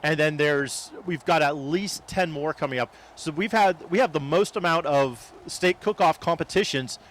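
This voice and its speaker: A man's voice: a little high, moderate pace, a bit bright. A man chatting casually as a guest in an interview recorded outdoors. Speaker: podcast guest, barbecue promoter. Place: outdoors at a market. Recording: outdoor recording with clear traffic noise. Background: vehicles and outdoor ambience.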